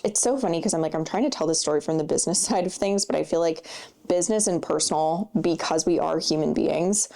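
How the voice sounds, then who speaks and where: A young woman in her late twenties talks straight to her listeners in a chatty, excitable way, wandering off on side tracks and filling gaps with fillers. Her voice sits a little low and sounds mellow and warm, with a touch of congestion. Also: gravelly. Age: 20s. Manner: chatty, upbeat, rambling with fillers. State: slightly congested. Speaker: podcast host. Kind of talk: casual solo podcast chat.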